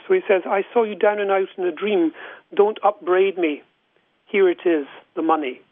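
A high-pitched man talks like a scholar in a radio interview, measured and given to restarting his sentences and repeating words. His voice comes through a thin, phone-like line, close and without room sound. He has the air of an academic editor explaining his work. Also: dry recording.

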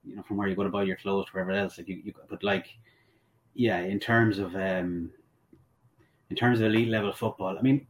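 A man's voice: deep voice, steady tone, brisk, rough recording. A man with a west of Ireland accent chatting casually about sport in a rambling, self-correcting way. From Sligo, west of Ireland. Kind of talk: casual football discussion.

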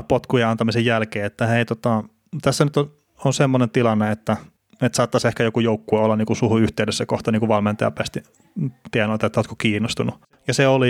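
A man hosting a casual podcast, telling stories in a relaxed way with frequent fillers. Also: lowish voice, dry recording, clean studio sound. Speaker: podcast host. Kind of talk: casual hockey chat.

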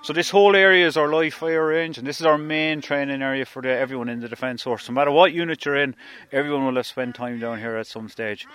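A man's voice: medium pitch, fast talker, fairly bright tone, smooth. An Irish man in the army giving an informal explanatory talk on location.

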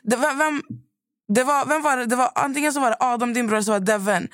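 A Swedish-accented woman hosts a podcast, telling stories in casual chat and animatedly acting out what people said. Her voice sits high, and the studio sound is clean with no room echo.

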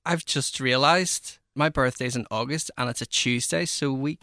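A man's voice: medium pitch, moderate pace, pushed and bright, slight background noise. A man co-hosting a podcast, easygoing and hesitant, with lots of ums. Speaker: podcast co-host. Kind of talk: casual chat.

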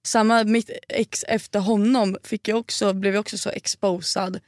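Young woman guest on a podcast, super animated storyteller, swears a lot, dry mic. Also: mid-range voice, no echo. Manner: animated storyteller, acts out quotes, swears freely. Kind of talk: casual chat.

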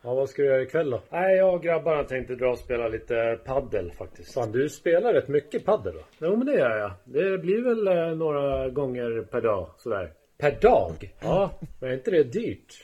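A man's voice: medium pitch, very animated, darkish tone, husky, pitched above the performer's own voice. A man voicing two young men bantering in a comedy sketch, played as a clip. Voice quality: rapid, back-and-forth banter. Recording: dull lo-fi clip audio.

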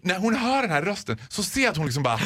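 A man's voice: high voice, big pitch swings, fairly bright tone. A young man telling playful shop anecdotes on a radio show, acting out the voices of the staff he met. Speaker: guest storyteller.

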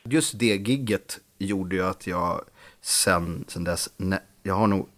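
Animated male comedian telling stories. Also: sits low. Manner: animated storytelling with frequent restarts. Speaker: comedian guest. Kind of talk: casual podcast conversation.

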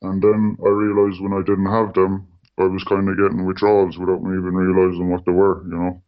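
A man's voice: completely flat delivery, a little fast, smooth. A man speaking as an anonymous radio interview guest through a voice-disguising distortion filter, in a plain matter-of-fact way. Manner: plain, matter-of-fact, frequent "like" and "you know". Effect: voice disguised by a distortion filter, deep. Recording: dull lo-fi sound.

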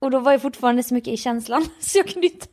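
A tired woman chatting casually, telling a story with lots of laughter and acted-out dialogue. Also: high-pitched. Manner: animated storyteller, acts out dialogue, laughs often. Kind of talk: casual chat.

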